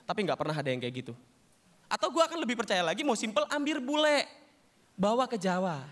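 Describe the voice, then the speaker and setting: A young man doing a stand-up comedy set, telling stories in an animated, slangy way and acting out characters. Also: high voice, brisk, slight background noise. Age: young adult.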